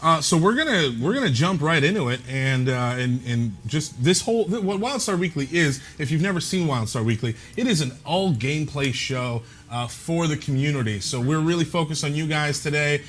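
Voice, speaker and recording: A man's voice: on the high side, lively intonation, brisk, few pauses, fairly bright tone. A man hosting a live gameplay talk show, upbeat and jokey with plenty of fillers. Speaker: show host.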